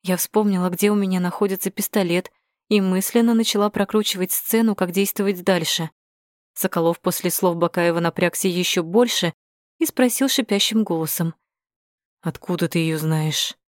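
Woman, audiobook narrator, first-person, measured, steady, lowish voice, dry close mic. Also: no room sound.

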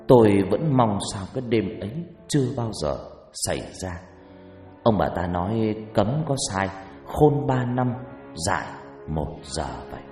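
Male storyteller, mid pitch, lively dramatic narration, echoey room, faint music bed. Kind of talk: scripted first-person ghost story narration.

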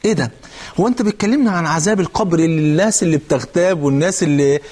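A man's voice: on the high side, rapid-fire, darkish tone. A man preaching a colloquial religious sermon in an Egyptian Arabic accent, fervent and asking his listeners rhetorical questions.

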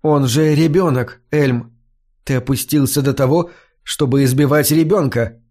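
A man voicing a gentle young female singer in an audiobook, pleading and then firm. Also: mid-range voice, unhurried, natural voice. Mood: stern, angry. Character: gentle young woman singer, later stern.

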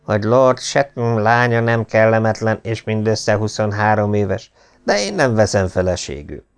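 A cheeky young gentleman thief, as a male reader plays him, mocking and insolent toward his elders. His voice is gravelly and lightly raised, with a lively, playful lilt. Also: fairly low pitch.

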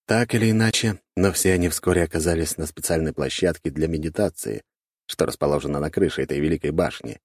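A man narrating an audiobook with expressive storytelling. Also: rumbling low, quick pace, husky, no echo, clean studio sound.

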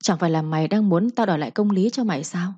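A stern young master speaks in a cold, commanding tone, as a woman voices him. The voice is low and mellow-dark. It comes through a dull, lo-fi recording. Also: quick pace, breathy edge, no room sound. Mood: menacing.

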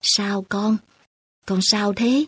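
A woman voicing an anxious, protective middle-aged mother who is ill, with a husky voice. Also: mid-range voice, steady tone, extremely slow, no room sound.

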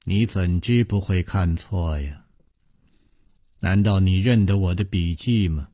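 A man voicing a cold, guarded middle-aged widow in a wuxia story, speaking low, flat and measured. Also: breathy edge, dry recording, exaggerated voice.

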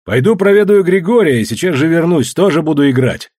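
A man voicing a restless young male gambler who speaks in a brisk, offhand way. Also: a little high, expressive, a little mellow, no room sound, studio quality, voice pushed up. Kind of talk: audiobook character voice.

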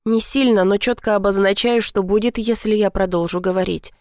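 A woman's voice: medium pitch, fairly even intonation, fairly quick, a little mellow, no echo, studio quality. A woman narrating a tense first-person story as an audiobook reader, giving the dialogue in a dramatic voice.

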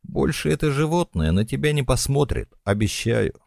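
A man's voice: medium pitch, lively intonation, moderate pace, gravelly, darkish tone, no echo, clean studio sound, pitched above the performer's own voice. A man voicing a tough, commanding young woman who talks with bossy, cool self-assurance. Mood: calm.

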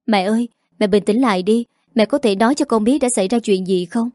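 A woman voicing a young office worker, a worried daughter who pleads gently, in a mellow dry voice. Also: on the high side, brisk, dry recording, close to an everyday voice.

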